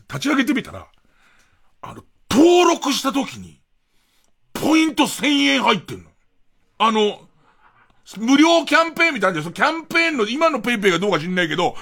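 Man, radio host, late-night monologue, husky tone, very animated pitch. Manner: rambling comic anecdote, acts out dialogue. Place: radio studio.

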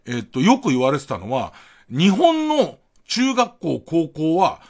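A man's voice: a little high, slightly rough. A middle-aged man hosting a late-night radio monologue, rambling in a self-mocking way with chuckling asides, on a close studio mic. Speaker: radio host.

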